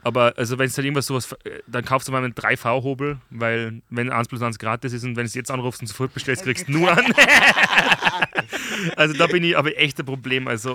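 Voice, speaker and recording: A young man, a podcast host, chatting casually and acting out stories with lively dialogue. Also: mid-range voice, fast, no room sound. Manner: animated storyteller, acts out dialogue. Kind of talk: casual chat.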